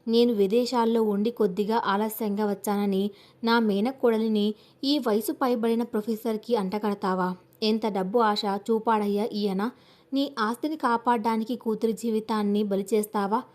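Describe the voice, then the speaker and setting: A woman's voice: medium pitch, fairly even intonation, normal speed, a little mellow, close to an everyday voice. A woman narrator voicing an arrogant, wealthy, scheming middle-aged aunt who talks down to others and threatens them. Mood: haughty threats. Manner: haughty, threatening.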